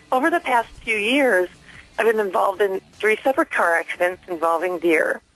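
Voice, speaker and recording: Calling a radio station, a woman voices an earnest, insistent complaint, hesitant and spontaneous. Her mid-range, slightly bright voice moves at normal speed over a dry telephone line into the studio.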